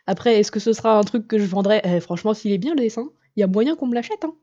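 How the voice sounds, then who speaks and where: A chatty woman talks straight to her viewer in a rambling, self-mocking vlog, full of fillers and restarts. Her voice is mellow and warm. The recording sounds a little dull and lo-fi. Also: mid-range voice, fast talker. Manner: jokey, self-deprecating. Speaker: YouTuber and comic artist. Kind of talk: casual vlog addressed to the viewer.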